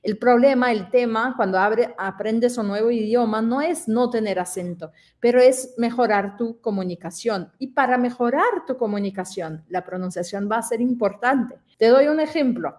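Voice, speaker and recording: A French pronunciation teacher gives an online lesson, explaining in a conversational way and posing questions to listeners. She speaks a language she learned as an adult, her first language not being Spanish. Her voice is fairly high and darkish, at a moderate pace with hardly any pauses.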